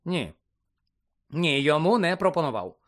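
A man reading aloud voicing an eager middle-aged male sports official who hesitates and fills pauses with ums. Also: a little high, big pitch swings. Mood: wheedling. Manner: hesitant, wheedling, full of ums.

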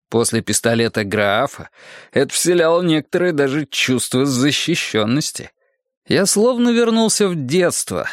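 A man reading a novel aloud in a measured, dry and wry way. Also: mid-range voice, no echo. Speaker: audiobook narrator. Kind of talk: scripted narration.

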